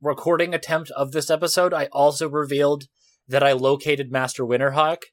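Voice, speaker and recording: A man hosting a casual movie podcast, playful and jokey, rattling off release details quickly. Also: on the high side, level tone. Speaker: podcast host.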